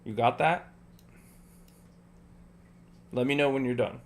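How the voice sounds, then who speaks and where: Coaching a friend through a game on a casual livestream, a man patiently goes over each step again, cracking jokes and laughing in between. He speaks slowly in a medium-pitched voice.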